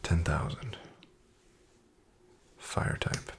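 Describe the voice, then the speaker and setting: Cool and businesslike, a man half-whispers as a shady back-alley card dealer in a soft ASMR roleplay, his patter clipped, unhurried and gravelly with a creak. He stays guarded, and background noise can be heard.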